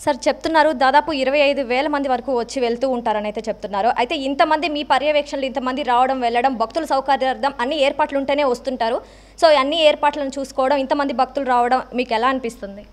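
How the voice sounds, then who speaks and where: A woman reporter puts polite, brisk questions to her interviewee. She talks quickly in a high voice.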